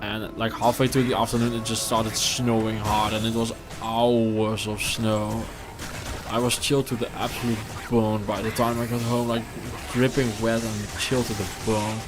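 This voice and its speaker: With game music running underneath, this man from the Netherlands, in his thirties and speaking with a Dutch accent, talks to his stream chat as he plays. His voice sits on the low side at a normal speed. He's relaxed and talkative, fitting in replies to chat between game moves.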